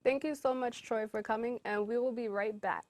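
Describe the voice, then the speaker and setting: A woman hosting an interview show, upbeat and encouraging, asking quick follow-up questions. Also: a little high, fairly even intonation, darkish tone, dry recording. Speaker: host. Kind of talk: casual interview.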